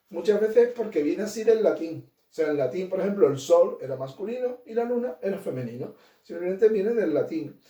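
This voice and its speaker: A man's voice: high-pitched, dark tone, recorded from a distance. Man teaching. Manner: explains with many examples and rhetorical questions; checks in with "¿vale?" and "¿de acuerdo?". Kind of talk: classroom grammar lesson. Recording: roomy, from away from the mic.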